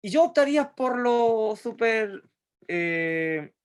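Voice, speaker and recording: A woman's voice: fairly high pitch, expressive, slow. A middle-aged woman with a Chilean accent teaches a Bible lesson, asking her group questions and acting out the lines of the story. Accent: Chilean Spanish.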